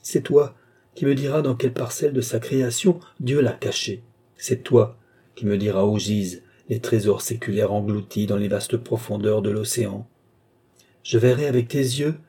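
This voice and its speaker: Passionate male alchemist, hushed then declamatory, mellow and husky, voiced by the male reader. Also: mid-range voice. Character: man, fervent alchemist, awed and passionate.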